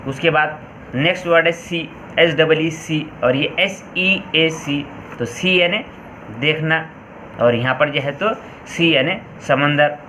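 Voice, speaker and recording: A male teacher with an Indian accent explaining English words in a Hindi-Urdu lesson, slowly repeating each point and spelling words out letter by letter. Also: on the high side, bright, forceful tone, slight background noise, rough recording. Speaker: school teacher.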